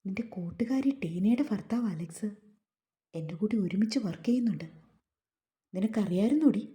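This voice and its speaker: A woman's voice: medium pitch, animated, normal speed, dark tone, natural voice. A woman voicing a cruel, resentful young husband who speaks in a harsh, taunting, menacing way. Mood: angry.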